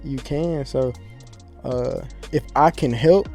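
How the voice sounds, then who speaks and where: Laid-back man, mellow voice. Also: mid-range voice, slow pace, soft background music. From Pensacola, Florida. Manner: laid-back, slangy, rambling storyteller. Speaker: podcast guest. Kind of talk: casual podcast chat.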